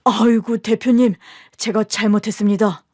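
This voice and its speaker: A woman's voice: medium pitch, steady tone, normal speed, darkish tone, no room sound, lightly acted. A nervous middle-aged businessman hurries his proud wife into backing down, as a woman acts him out. His tone is urgent and uneasy. The read is dry and close. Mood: anxious. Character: flustered middle-aged man, subcontractor husband.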